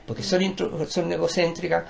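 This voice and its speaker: This older man speaks with a Chilean accent and works as a teacher and performer. In a digressive interview he lectures and restarts often, talking a little fast in a slightly high, creaky voice with little pitch movement over background noise.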